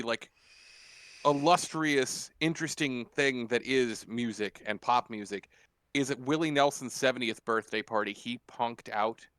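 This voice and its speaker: A podcast co-host telling a story in casual chat, animated and profane, acting out the quotes in loud bursts. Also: male voice, medium pitch, dry recording.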